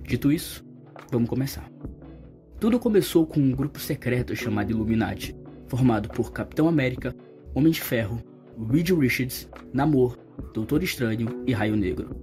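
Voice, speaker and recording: Speaking with a Brazilian Portuguese accent, this YouTube essay host delivers scripted opinions to his audience at a normal speed. His pitch is medium and his intonation lively, with music running beneath the voice.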